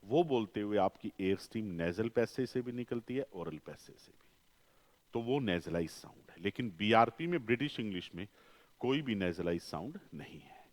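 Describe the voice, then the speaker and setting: A man's voice: lowish voice, animated. A male phonetics teacher, lecturing and answering his own questions with repeated key terms. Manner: slows down for emphasis. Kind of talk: classroom lecture. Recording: long reverb, echoey room.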